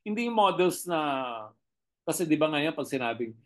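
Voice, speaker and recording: A middle-aged director with a Filipino accent, telling behind-the-scenes stories in a casual interview with animated, expressive storytelling. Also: medium pitch, normal speed. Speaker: television director, guest.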